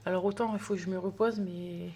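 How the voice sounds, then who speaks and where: A woman chatting casually through an unboxing for a budgeting vlog, gushing over small items with many fillers and sometimes dropping to a soft whisper. She sounds tired. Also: on the low side, fairly even intonation, brisk, a little hiss or hum. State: tired, trembling hands. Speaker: budgeting vlogger.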